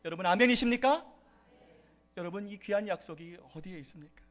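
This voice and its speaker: Korean pastor guy preaching, really high bright voice, gets loud and worked up. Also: a little fast. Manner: preaching with rising, impassioned outbursts and acted questions. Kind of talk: sermon. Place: church service.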